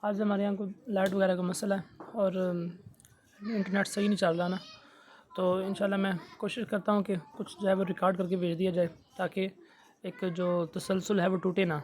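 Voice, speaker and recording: A man teaching Quran recitation in a recorded lesson, patiently explaining and slowly drawing out each letter sound. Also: high voice, level tone, a little hiss or hum.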